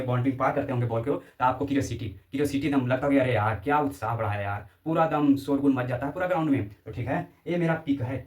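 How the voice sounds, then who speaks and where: A man's voice: mid-range voice, a little mellow, roomy sound, distant mic. A man teaching exam vocabulary, repeating each word, spelling it out letter by letter and quizzing his listeners with questions. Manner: repetitive call-and-response drilling, spells words letter by letter.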